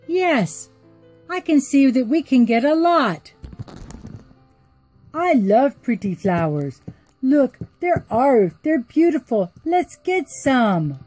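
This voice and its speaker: A woman's voice: high voice, big pitch swings, takes it slowly, darkish tone, soft background music, pitched above the performer's own voice, full character voice. A woman voicing two sweet, eager young princess sisters in a storybook, in a childlike way.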